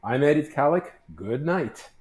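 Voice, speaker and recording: A man's voice: on the high side, animated, measured pace, a little mellow, echoey room. A man co-hosting a casual talk show, giving short, agreeable replies. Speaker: podcast co-host. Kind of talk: casual chat.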